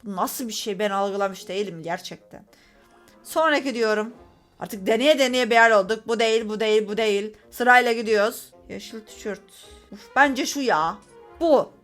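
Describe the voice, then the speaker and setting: A woman doing let's-play commentary on a game, excitable and often exasperated, talking straight to her viewers. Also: a little high, normal speed, faint music behind. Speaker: gaming YouTuber.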